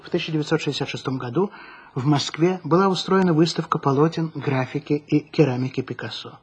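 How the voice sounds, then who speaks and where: A man's voice: a little high, fast talker, breathy edge, faint music behind. A man presenting scripted radio narration in the manner of an old newsreel. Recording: dull old recording, crowd noise behind.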